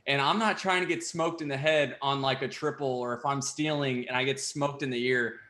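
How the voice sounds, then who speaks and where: A man's voice: medium pitch, steady tone, normal speed, bright, forceful tone. A young man, a baseball player, chatting casually in an interview and breaking into laughter often. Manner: laughs often while talking. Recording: roomy echo.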